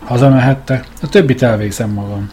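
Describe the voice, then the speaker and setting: A man's voice: mid-range voice, dark tone, soft background music, natural voice. A man voicing a stern police chief who gives cold, commanding orders in a storybook reading.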